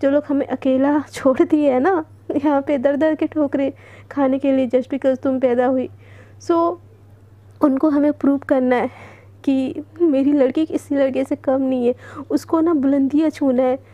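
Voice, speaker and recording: A woman's voice: sits high, fairly even intonation, unhurried, dry recording, dull audio. A woman voicing an earnest, caring mother. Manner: gentle, coaxing, earnest. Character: caring single mother, protective and ambitious for her daughter.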